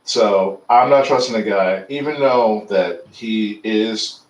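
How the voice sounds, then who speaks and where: A man's voice: on the low side, slow, reverberant, recorded from a distance, highs cut off. Laid-back man co-hosting sports radio. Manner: laid-back, agreeable, opinionated. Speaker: radio show co-host. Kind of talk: casual sports radio chat. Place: radio studio.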